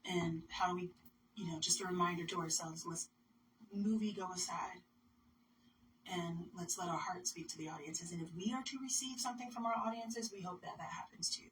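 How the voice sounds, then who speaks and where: An earnest woman musician reflecting in a radio interview, her phrases often fading to a near whisper. Her voice sits slightly low. The mic is distant and background noise is clear. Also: fairly quick. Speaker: musician guest. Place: radio studio.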